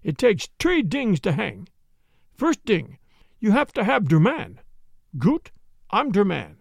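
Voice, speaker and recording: A man gives a heavily acted performance as a wild, defiant prisoner who is stubborn, boastful and blustering, speaking broken English with a heavy German accent in a scheming mood. His high voice swings hugely in pitch, moves slowly and carries vocal fry. The recording is dry and studio quality.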